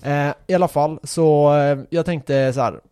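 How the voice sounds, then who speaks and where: A man's voice: fairly high pitch, fairly even intonation, warm tone, smooth, no echo, studio quality. A man co-hosting a podcast, telling stories in a rambling, casual way with lots of fillers and swearing. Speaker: podcast co-host.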